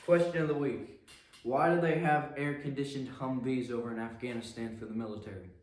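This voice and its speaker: A man's voice: mid-range voice, steady tone, a little fast, a little mellow. A man co-hosting a casual podcast, blunt and jokey, telling short stories. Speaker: podcast co-host. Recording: roomy echo, distant from the mic.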